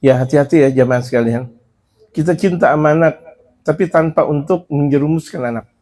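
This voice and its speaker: A man preaching on a religious book, switching between Arabic recitation and lively, chatty explanation. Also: a little high, a little fast. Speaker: Islamic preacher. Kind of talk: sermon teaching a religious book.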